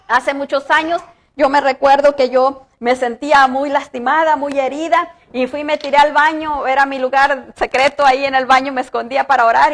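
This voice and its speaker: High-voiced woman pastor preaching earnestly. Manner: earnest, rises with emphasis, slows to read scripture. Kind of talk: sermon. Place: church.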